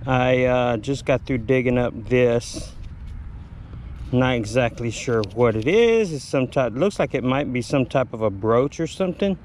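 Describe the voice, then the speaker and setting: A Texas man with a mid-range, slightly mellow voice narrates his metal detecting hunt in a humid outdoor field at a measured pace. Digging as he goes, he breathes hard and rambles with filler words, with slight background noise.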